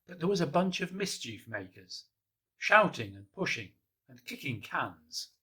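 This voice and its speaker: A man reads a children's picture book aloud in the first person, soft, hushed and unhurried. His medium-pitched, husky voice swings widely in pitch as he plays the storybook reader.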